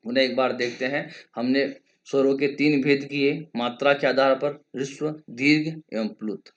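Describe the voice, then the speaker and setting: Man teaching Sanskrit grammar, measured. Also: mid-range voice, steady tone, muffled recording. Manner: measured, explanatory, drawn-out vowels when demonstrating lengths; recites Sanskrit rules in a slow chant. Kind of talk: exam-prep grammar lesson.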